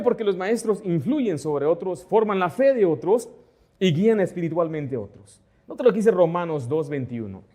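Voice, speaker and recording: A middle-aged man preaches a sermon in a fairly high voice. He keeps turning to his listeners with rhetorical questions. He acts out the back-and-forth of his anecdotes as he goes. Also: darkish tone. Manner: asks the congregation rhetorical questions; acts out dialogue within anecdotes. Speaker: pastor.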